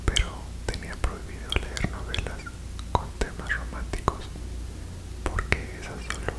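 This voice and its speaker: A woman reads narrative prose entirely in a whisper. Her delivery is hushed, breathy and unvoiced, kept slow and soothing in the manner of an ASMR bedtime reading. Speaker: ASMR reader.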